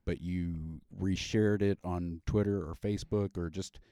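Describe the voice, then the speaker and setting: A man's voice: sits low, steady tone, measured pace, warm tone, no room sound, studio quality. A man hosting a casual podcast, rambling with fillers and restarts. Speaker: podcast host.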